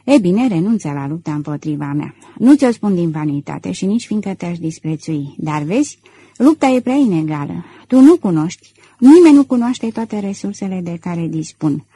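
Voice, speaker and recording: A woman voicing a suave, self-assured middle-aged gentleman thief in an audiobook, cool and controlled. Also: on the low side, big pitch swings, husky, exaggerated voice, rough recording. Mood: gently warning. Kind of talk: audiobook character reading.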